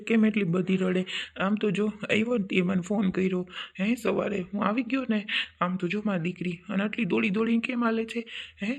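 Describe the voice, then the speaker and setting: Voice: medium pitch, creaky. A voice actor playing a caring middle-aged father who questions and reassures his crying daughter. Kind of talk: Gujarati cartoon voice acting.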